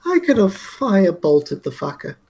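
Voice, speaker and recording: A man's voice: sits high, sing-song, moderate pace, creaky, darkish tone, husky. A man playing a tabletop game, hesitant with many fillers and playful swearing. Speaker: player. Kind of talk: casual tabletop game play.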